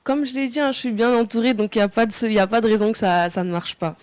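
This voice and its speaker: A woman's voice: a little high, fairly even intonation, quick pace, darkish tone, no room sound. A young woman from France, a singer answering interview questions casually, hesitant with many fillers and restarts.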